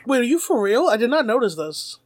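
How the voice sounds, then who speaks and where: A man's voice: very high voice, big pitch swings, fairly quick. A man co-hosting a podcast, chatting casually, laughing often and swearing freely. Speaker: podcast co-host.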